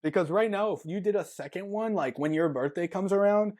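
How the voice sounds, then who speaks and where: A man's voice: sits high, brisk, darkish tone. A man co-hosting a podcast in casual chat, rambling and packing his talk with "like" as he thinks aloud. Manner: rambling, filler-heavy, lots of "like". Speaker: podcast co-host.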